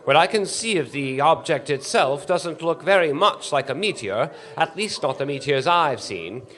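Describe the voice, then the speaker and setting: A stage actor in a radio play voices an earnest, eager male news commentator from a 1930s radio drama, using a formal, polite announcer style. His voice is fairly high and a bit bright, at normal speed with lively intonation, sounding excited and awed.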